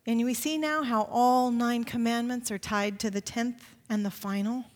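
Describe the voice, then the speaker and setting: A woman pastor preaching a sermon, retelling a scripture story with animated emphasis. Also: a little slow. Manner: expressive storytelling, rising pitch for emphasis. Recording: long reverb of a large hall.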